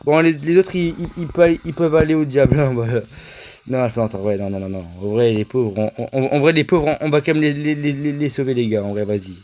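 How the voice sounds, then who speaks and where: A young man giving casual, excitable commentary on his own gameplay, often stammering and repeating himself as he talks to his viewers. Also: medium pitch, a little fast, a little hiss or hum, rough recording. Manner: excitable, stammering, addresses viewers as "les gars". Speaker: gaming video creator.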